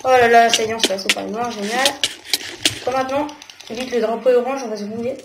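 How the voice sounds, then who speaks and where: A young woman with a French accent giving casual gameplay commentary, thinking aloud with quick exclamations. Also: fairly high pitch, fairly even intonation. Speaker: gamer. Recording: echoey room with noticeable noise.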